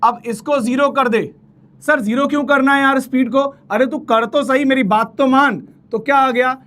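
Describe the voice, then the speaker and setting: A man's voice: very high voice, fairly even intonation, moderate pace, fairly bright tone. A man teaching physics in an online exam-prep lecture, coaxing and familiar, repeating key phrases and speaking.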